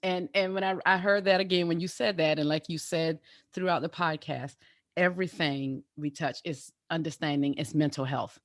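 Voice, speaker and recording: A woman's voice: low voice, steady tone, moderate pace, clean studio sound. A woman hosting a podcast who affirms her guest and echoes back her words. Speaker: podcast host. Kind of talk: casual interview talk.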